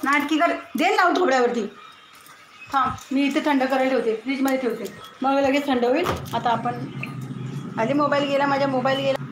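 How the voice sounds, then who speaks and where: A woman's voice: sits high, fairly quick. A woman chatting at home in a casual vlog, coaxing and scolding her pets. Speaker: home vlogger. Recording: echoey room with loud background noise.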